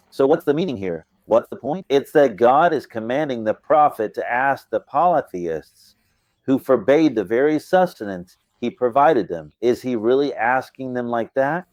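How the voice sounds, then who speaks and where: A man's voice: mid-range voice, darkish tone, dry recording. Man explaining scripture, asking questions. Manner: explanatory, asks and answers his own questions. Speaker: Quran commentary teacher.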